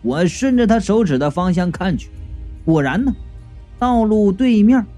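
A man's voice: sits high, animated, moderate pace, warm tone, faint music behind. A man narrating a comic first-person story in a wisecracking, colloquial way.

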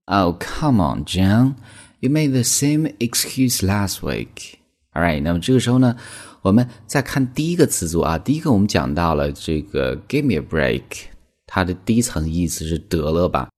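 Lively low-voiced man teaching. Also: a little fast. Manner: chatty, explanatory, frequent "那么" fillers. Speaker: English teacher. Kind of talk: language lesson explainer.

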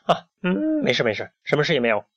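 A man doing a shrill, jumpy little boy chick. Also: wildly swooping pitch, fast talker, no echo, exaggerated voice. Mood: stammering. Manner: shrill, panicky shouting. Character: small frightened boy chick, stubborn and jumpy. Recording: dull lo-fi recording.

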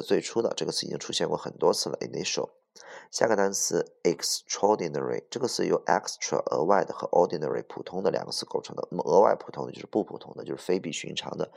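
Male vocabulary teacher, very low pitch, spells words aloud, steady lecture delivery. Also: creaky. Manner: spells words letter by letter, mixes in English; self-correcting, with many fillers. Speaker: English teacher. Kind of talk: vocabulary lesson.

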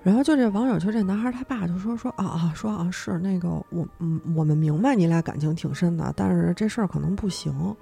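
A young woman hosts a horror story podcast, her voice low, gravelly and a little husky. She narrates animatedly and jumps her pitch around to act out each character's lines. Faint music plays softly behind her. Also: fast, hardly any pauses.

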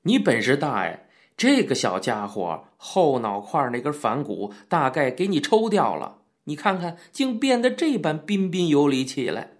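A man voicing a gruff middle-aged martial arts coach who scolds and jokes bluntly, in an audiobook reading. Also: a little high, big pitch swings, measured pace. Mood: hearty. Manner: brusque, scolding, boisterous joking. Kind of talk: audiobook character voice.

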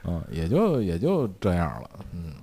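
A man with a low voice and a Beijing accent chats casually, telling stories from his own life. His intonation swings widely, and he acts out quoted lines in a colloquial way. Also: very animated, normal speed, dark tone, slight background noise. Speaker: podcast speaker telling personal stories. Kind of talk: casual storytelling chat.

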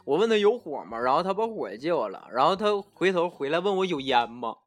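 A man with a Northeastern Mandarin accent chatting casually as a podcast co-host, telling stories with halting restarts. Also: a little high, big pitch swings. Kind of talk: casual chat.

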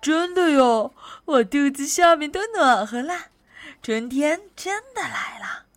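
A lizard just roused from its winter sleep speaks in a drowsy, pleased way, as a woman puts it on. The voice is high and the reading is slow. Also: expressive, dry recording.

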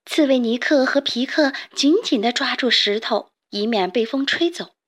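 A woman with a fairly high voice narrates a children's storybook, gentle and expressive. She reads like a kindly aunt telling a story to little ones. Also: moderate pace.

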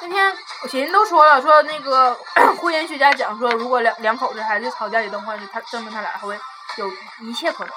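A woman's voice: on the high side, a little fast, noisy background. A woman, telling stories bluntly in a casual chat. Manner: lively storyteller, blunt and swearing. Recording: music playing under the voices.

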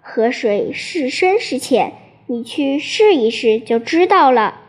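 A woman voicing a kind old mother horse, gentle and patient. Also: high-pitched, very animated, slow, breathy edge, heavily acted.

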